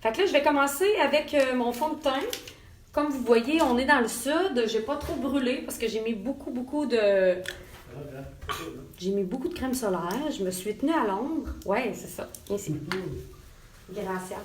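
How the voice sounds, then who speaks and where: A woman's voice: a little high, normal speed, a little hiss or hum. Chatty Québécois woman doing live makeup. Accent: Québécois French. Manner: chatty, greets viewers by name. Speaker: makeup artist. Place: hotel room.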